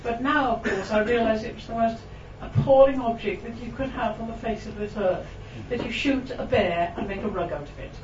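This is a fairly high-pitched Welsh woman, a poet reading her work to a crowd in a big, open room. Her asides are talkative and self-mocking, with plenty of ums and laughs, while the verse itself comes slow and lingering. Audio is far-off, reverberant and dull, with noise behind it.

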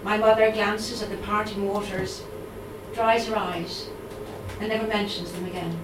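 Between measured readings of her poems, this middle-aged Dubliner drifts into halting, filler-heavy asides at a live event; her voice is mid-range with an Irish accent. The audio is roomy and distant-miked, and steady room murmur and background noise are audible throughout.

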